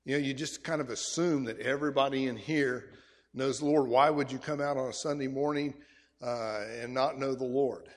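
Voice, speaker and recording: Husky-voiced male preacher in a church hall. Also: mid-range voice, normal speed. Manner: animated storytelling, repeats words when excited. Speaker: pastor. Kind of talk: sermon. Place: church sanctuary. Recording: long reverb of a church hall.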